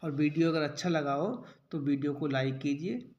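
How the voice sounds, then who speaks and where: A male teacher giving a children's vocabulary lesson, naming each word slowly and repeating it with its meaning, often checking "theek hai". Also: on the high side, roomy sound, lo-fi sound.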